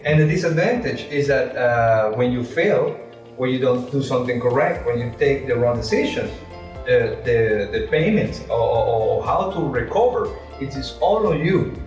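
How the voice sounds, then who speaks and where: Male interviewee, English, halting explanatory delivery; distant, echoey recording with music behind. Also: medium pitch, expressive, a little mellow. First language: not English. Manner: halting, repeats words, explains with rhetorical questions. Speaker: entrepreneur being interviewed. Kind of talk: interview answers.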